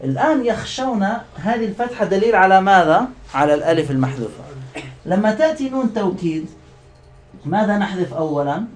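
A man teaching a grammar lesson to a class, patient and explanatory, who keeps quizzing his students and stretches out example words slowly. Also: high voice, sing-song, soft background music.

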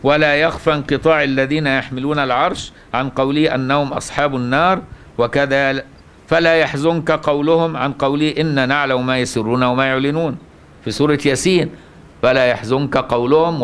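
A man's voice: medium pitch, steady tone, a little fast, fairly bright tone, a little hiss or hum. Egyptian man teaching a Quran lesson. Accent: Egyptian Arabic. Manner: asks the listener rhetorical questions and answers them. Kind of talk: religious lesson.

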